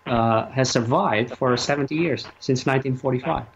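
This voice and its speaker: A man giving opinions as a radio interview guest, speaking haltingly and emphatically and repeating his phrases. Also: mid-range voice, creaky. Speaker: talk show guest and activist. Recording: muffled lo-fi audio, faint noise.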